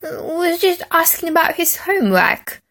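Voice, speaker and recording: Woman playing a rude, demanding boy for a storybook; unhurried and blunt. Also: medium pitch, expressive, a little mellow. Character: mischievous scheming boy, rude older brother. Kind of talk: storybook reading.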